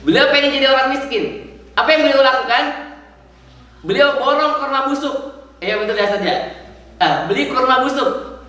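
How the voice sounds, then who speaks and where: A man's voice: extremely high pitch, normal speed, long pauses, sharp tone. A man preaching a casual sermon in a mosque, joking and quizzing the congregation. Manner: chatty, jokes and quizzes the congregation. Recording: very echoey room, far from the mic.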